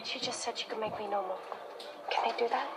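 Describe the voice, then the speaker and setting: A woman's voice: fairly high pitch, fast talker, natural voice. A young woman playing an upset, accusing teenage girl in a TV fantasy drama. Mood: uneasy. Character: upset teenage girl turned into a reluctant mermaid. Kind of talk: TV teen drama acting. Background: music.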